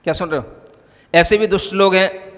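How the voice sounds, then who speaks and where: A man's voice: high-pitched, steady tone, fairly quick, a bit bright. A man, a Jain monk, giving a conversational sermon and often checking that listeners follow. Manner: conversational teaching, often asks if listeners understand. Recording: long hall reverb.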